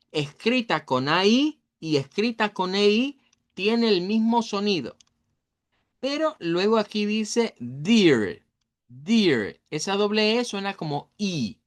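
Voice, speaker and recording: A slow, patient teacher leads a recorded pronunciation lesson and says each model word again and again. The pitch swings widely as words are stressed and drawn out. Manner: patient, repeats model words several times; explains slowly, word by word.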